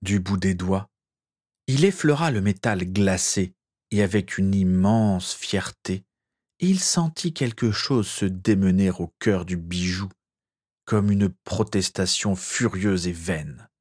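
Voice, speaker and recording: A man narrating a story in a measured, expressive storytelling manner. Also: deep voice. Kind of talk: dramatic story reading.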